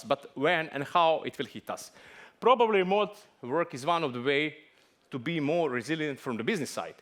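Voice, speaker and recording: A man from Serbia speaks with a Serbian accent and a voice pitched a bit above most men. His English is a second language, and his conference talk is lively and full of small jokes. He sounds middle-aged. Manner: lively, joking, non-native English phrasing.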